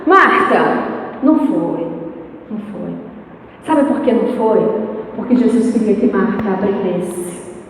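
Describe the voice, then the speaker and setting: A middle-aged woman with a Brazilian Portuguese accent preaching a lively sermon, asking the congregation questions and acting out voices. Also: medium pitch, unhurried, long pauses, a little hiss or hum. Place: church hall. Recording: echoey hall, from far off.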